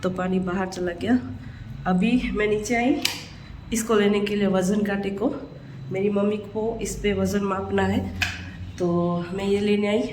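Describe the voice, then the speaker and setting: A woman's voice: mid-range voice, noisy background. A young woman, chatting casually through a home vlog and laughing at herself. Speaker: vlogger. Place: family home, indoors and on a rooftop.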